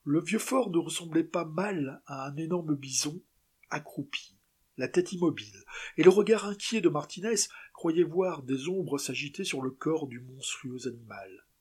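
A man reading a classic novel aloud as an audiobook narrator in steady, expressive storytelling. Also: fairly high pitch, normal speed, breathy edge. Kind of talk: scripted narration.

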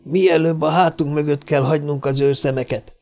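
Male reader playing a bold young frontiersman, urgent and commanding, pitched a little above the narration. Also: fairly even intonation, a little mellow, natural voice.

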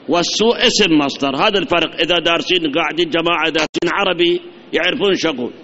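A man's voice: high voice, sharp tone, slight background noise. A man preaching a sermon with an Iraqi Arabic accent, emphatic, addressing his listeners directly and piling up repeated lists. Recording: dull lo-fi recording.

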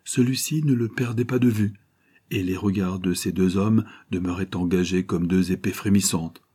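A man narrates a classic novel in a measured, literary style. His voice is low and dark, with a husky edge. He reads steadily, as an audiobook narrator. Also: steady tone.

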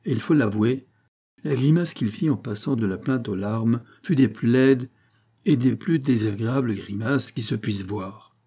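A man reads a classic novel aloud in a measured, wry way. His voice is mellow and dark in tone, at an ordinary mid pitch. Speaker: audiobook narrator. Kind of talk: scripted literary narration.

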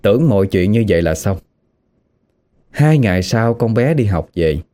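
A man telling a ghost story in a lively, animated way. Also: on the low side, normal speed.

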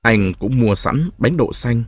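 Expressive male audiobook narrator. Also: measured pace, no echo, clean studio sound. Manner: expressive storytelling, varied pitch.

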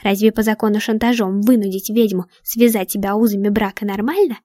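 Brief: cruel dark witch, mocking and hissing, read by a woman, dry close sound. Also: mid-range voice, steady tone, fairly quick, dry recording, natural voice. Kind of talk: storybook reading.

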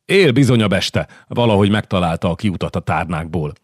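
A man voicing a gruff, hot-tempered middle-aged nobleman who bellows and curses bluntly in an audiobook. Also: low-pitched, expressive, dry recording, clean studio sound. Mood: urgent. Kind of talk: audiobook character voice.

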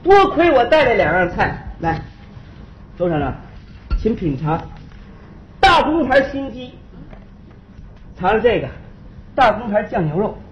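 In a stage comedy sketch, a man with a high-sitting, very animated voice plays a cocky, teasing rich farmer businessman, bragging and trading quick banter. The stage sounds echoey, the audio slightly dull, with slight background noise.

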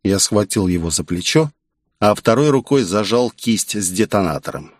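A man's voice: fairly low pitch, lively intonation, normal speed, no echo, studio quality. A man narrating a first-person audiobook in a cool, sardonic manner.

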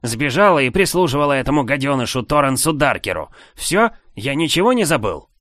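A man voices an angry, domineering older king who indignantly scolds his nephew in a raised voice. He pitches his natural, mid-range voice above his own and performs animatedly at normal speed, recorded in a clean studio with no room sound.

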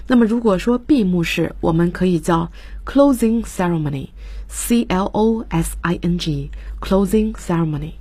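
A woman's voice: fairly low pitch, measured pace, mellow, slightly rough, dry recording. A woman teaching English vocabulary on a radio lesson, explaining patiently and spelling words out letter by letter. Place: radio studio.

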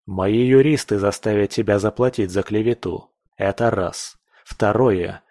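A man's voice: on the low side, unhurried, dark tone, no echo, studio quality. A man playing a stern, cold aristocrat. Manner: curt, stern, threatening. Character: stern, cold aristocratic male lord and newspaper owner. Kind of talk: audiobook character voice.

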